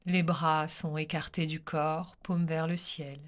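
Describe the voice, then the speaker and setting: Guiding a yoga nidra practice, a woman with a low voice offers brief, calming instructions at a very slow pace. Her phrases are measured, each set apart by a pause.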